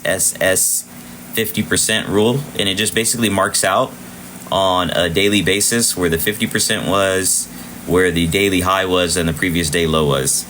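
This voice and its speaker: A deep-voiced man hosts a live trading stream at a moderate pace and steady tone, offering casual chart remarks. He keeps chatting, repeating himself, and thanking viewers even as he loses his voice, over slight background noise.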